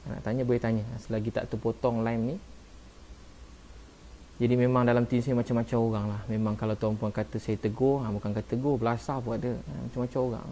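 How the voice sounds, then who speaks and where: A man with a Malaysian Malay accent, a preacher talking casually on a live stream, soft-spoken and earnest, often saying "ha" and "Masya Allah". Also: mid-range voice, little pitch movement, quick pace, a little hiss or hum. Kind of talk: casual live-stream talk answering viewers.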